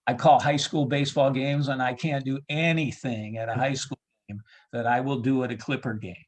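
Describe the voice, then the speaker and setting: A baseball PA announcer chats casually as an interview guest, often halting as he thinks aloud. His voice is steady and medium-pitched.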